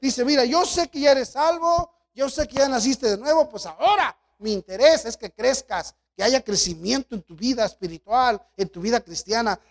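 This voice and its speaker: High-voiced animated male preacher. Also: normal speed, few pauses. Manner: animated preaching, swings from loud exhortation to quiet asides, acts out quoted voices. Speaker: pastor. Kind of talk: sermon.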